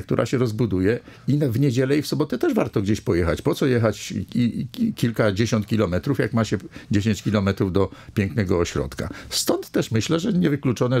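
A man's voice: on the low side, creaky, a little mellow. An older man, a village mayor, talking in a radio studio interview at a desk microphone, rambling with many hesitations and fillers. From Poland.

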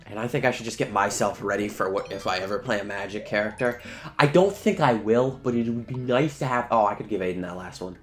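A man's voice: fairly low pitch, quick pace. A man giving casual, sweary video game commentary, talking to the characters as he plays. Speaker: let's play host. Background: game music.

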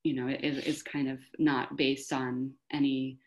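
A woman with a low voice speaks slowly and deliberately, laying out her points for an audience. She explains things patiently and often pauses in the middle of a phrase. She is heard over a video call. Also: flat delivery. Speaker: panelist for an environmental group. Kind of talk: informative panel Q&A answer.

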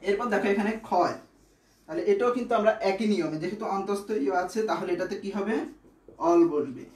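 High-voiced grammar teacher. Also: male voice, fast, darkish tone, reverberant. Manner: explains step by step, asking and answering his own questions. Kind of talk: classroom lesson.

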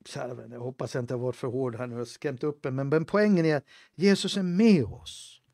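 A male pastor preaching a livestream sermon, swinging between loud fervent appeals and hushed, halting asides. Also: mid-range voice, no echo, clean studio sound. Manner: halting, with restarts and fillers.

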